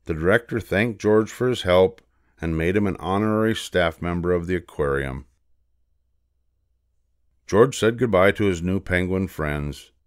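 An older man with a low, deep voice reads a children's storybook, taking his time with expressive, measured care. The recording is close and dry, with no room sound.

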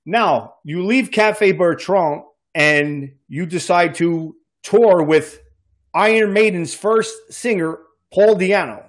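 Male host, Queens accent, fairly high voice, casual interview chat on a close desk mic. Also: slow. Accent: Queens, New York. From Queens, New York. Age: middle-aged. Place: small indoor studio room, video call. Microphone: close desk microphone with headset.

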